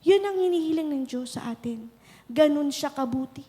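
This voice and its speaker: A woman pastor preaching a sermon, moving from quiet, conversational storytelling to shouted exhortation. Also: high-pitched, lively intonation, normal speed. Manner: preaching in mixed Tagalog and English, building to shouted exhortation. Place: large church hall. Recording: reverberant hall.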